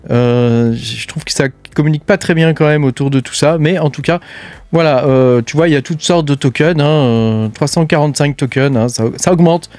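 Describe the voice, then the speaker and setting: Casting note: a man hosting, fairly high voice, casual chatty roundup, dry close mic. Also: moderate pace, a little mellow, no echo. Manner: chatty, frequent filler tags and hesitations. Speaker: crypto mining channel host.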